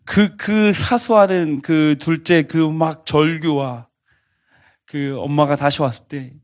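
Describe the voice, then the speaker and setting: A man's voice: a little high, steady tone, takes it slowly. A man pastor preaching a sermon to a college congregation, earnestly asking them repeated questions.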